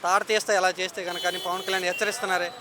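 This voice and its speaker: A male street reporter fires off prompts at great speed. His voice is high and bright. Faint traffic noise plays behind him. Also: little pitch movement. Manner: prompting, quick questions. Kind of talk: news street interview.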